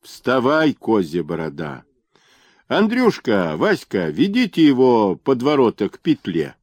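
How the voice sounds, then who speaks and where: A man voicing a coarse, brutal peasant executioner who speaks roughly and gruffly. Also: mid-range voice, wildly swooping pitch, measured pace, darkish tone, no room sound.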